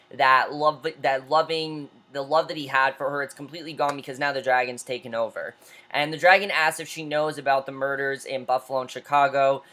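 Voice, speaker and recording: A woman's voice: sits low, a bit bright. A woman reviewing a TV episode in a casual recap. She retells scenes loosely with restarts and keeps calling things interesting.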